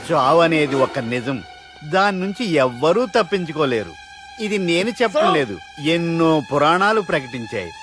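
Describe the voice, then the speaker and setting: A man playing a comic character who lectures others about death in a film scene. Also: on the high side. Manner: preachy, then panicked shouting. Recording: film soundtrack with music.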